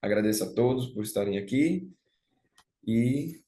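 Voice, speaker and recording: A man's voice: mid-range voice, lively intonation, a little slow, warm tone. A young man with a Brazilian Portuguese accent giving a thoughtful spoken talk on music, often adding "né?" and restarting phrases. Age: young adult. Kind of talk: reflective spoken lecture. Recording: roomy echo.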